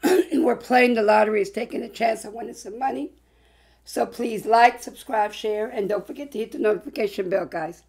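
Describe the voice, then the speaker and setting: A woman hosting a casual vlog about scratching lottery tickets, sounding hoarse and a little congested while chatting in an upbeat way with bursts of excitement. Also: medium pitch.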